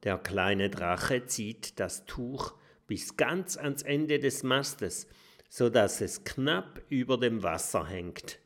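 Guy reading a kids story, nice and slow, really expressive. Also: mid-range voice. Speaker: audiobook narrator. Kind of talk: children's storybook narration.

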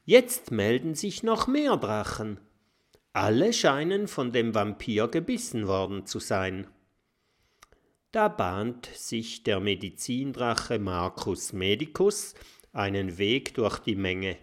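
A man narrating a children's audiobook in an expressive storytelling manner. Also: on the low side, takes it slowly.

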